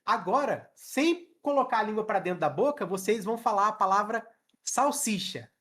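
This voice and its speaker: A young man with a Brazilian Portuguese accent teaching a live online English class over his webcam. He demonstrates sounds out loud and keeps checking in with his students. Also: sits high, a little fast.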